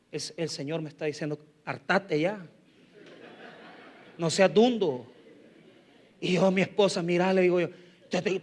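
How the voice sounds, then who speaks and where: A man preaching a sermon, telling personal stories with humor and swinging between loud emphasis and soft asides. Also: high-pitched. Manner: tells personal anecdotes with humor. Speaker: pastor.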